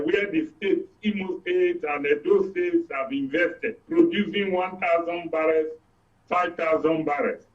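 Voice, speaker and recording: This guest commentator, a man with a Nigerian accent and a voice that sits high, gives his opinions in a political discussion. He explains emphatically and repeats points for effect, heard through dull, distant studio audio.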